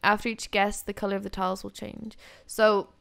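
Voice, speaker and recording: A woman streaming a game, bantering casually with friends in an animated, giggly, exclamatory way. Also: mid-range voice, fairly quick, vocal fry, smooth.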